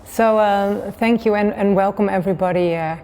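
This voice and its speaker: A woman yoga teacher calmly guiding a class into gentle movement. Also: mid-range voice, normal speed, slight background noise. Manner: calm, gentle instruction.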